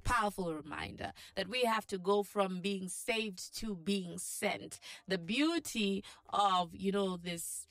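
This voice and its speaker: A woman's voice: medium pitch, takes it slowly, hardly any pauses, fairly bright tone, no echo, studio quality. A woman hosting a morning radio show as a DJ, talking straight to listeners in an encouraging, exhortative way with frequent check-in questions. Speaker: radio breakfast show host. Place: radio studio.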